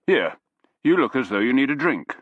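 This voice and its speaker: A man's voice: medium pitch, sing-song, normal speed, husky, dry recording, highs cut off, voice pushed up. A man doing a brusque senior officer.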